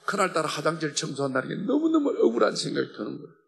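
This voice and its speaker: A man with a Gyeongsang accent, a church elder giving an emotional testimony in a worship hall, passionate and swinging from loud to hushed. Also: on the high side, very animated, racing, gravelly, slightly rough. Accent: Gyeongsang Korean.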